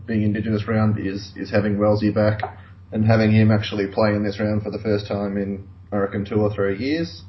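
A man with a low voice talks casually about sport as a panellist. He sounds a bit distant from the mic. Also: dull audio. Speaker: podcast panellist.

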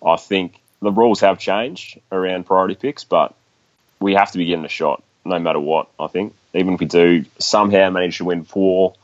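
A man's voice: low voice, brisk, no room sound. An Australian man talking casually as a guest in a sports discussion, on slightly dull, lo-fi audio.

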